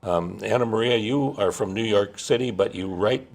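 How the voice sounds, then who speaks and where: Gravelly deep-voiced man hosting. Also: moderate pace. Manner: hesitant, many fillers. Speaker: guest host. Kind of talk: TV interview hosting. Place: Minnesota.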